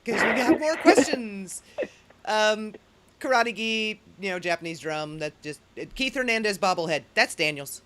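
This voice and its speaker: A co-host of a trivia live stream, quick and teasing, excitable in casual chat. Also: mid-range voice.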